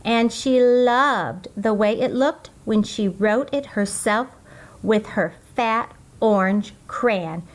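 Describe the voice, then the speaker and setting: A woman's voice: on the high side, slow pace. A woman reading a children's picture book aloud, expressively, drawing out words for emphasis. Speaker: children's storybook reader.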